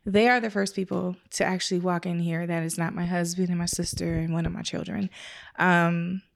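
A woman being interviewed in her own photography studio, chatting warmly and emotionally with quoted asides and laughs. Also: on the low side, little pitch movement, a little fast, gravelly. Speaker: wedding photographer guest. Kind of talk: casual interview.

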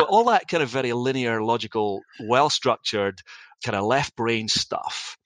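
A Scottish founder in middle age recounts his life story for an interview, wry and anecdotal, often starting sentences over. His pitch is ordinary and his tone fairly bright. The recording is close and dry with no echo, though the audio is poor.

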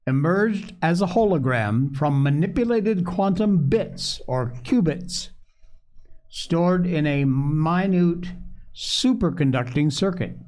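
A man hosting an opinionated news commentary show, speaking emphatically with dramatic pauses straight to his listeners. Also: fairly high pitch, lively intonation, a little mellow. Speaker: show host.

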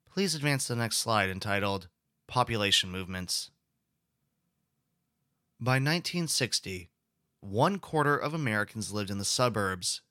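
Bright-voiced male history lecturer. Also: medium pitch, dry recording, studio quality. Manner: explanatory, poses rhetorical questions. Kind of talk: recorded lecture.

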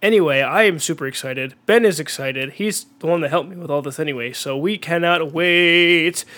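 A young man with a cold, sounding congested and clearing his throat, hosting an excitable amateur commentary on a baseball video game. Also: a little high, normal speed. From Minnesota. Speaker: host and play-by-play announcer.

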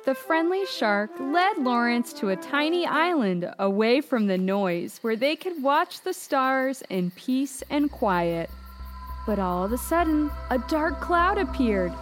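Slow, animated woman storyteller. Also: high voice, soft background music. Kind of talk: children's story narration.

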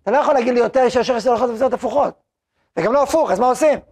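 A man's voice: extremely high pitch, darkish tone, slightly rough. A man with an Israeli accent teaching an informal religious lesson, acting out both sides of little dialogues and talking with the class. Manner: acts out both sides of dialogues, talks to the room. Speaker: yeshiva rabbi teaching a class. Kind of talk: informal Torah lesson to students.

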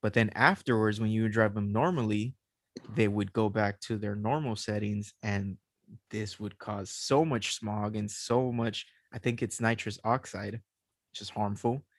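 A man's voice: fairly low pitch, steady tone, unhurried, no echo, clean studio sound. A man hosting a casual podcast chat, loose and swearing, laughing as he explains. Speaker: podcast host.

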